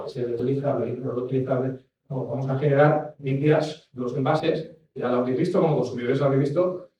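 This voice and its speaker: An industry expert with a mellow, mid-range male voice gives a rambling talk on packaging regulation, restarting sentences and tossing in asides. A faint hiss or hum is audible. The distant mic captures an echoey room.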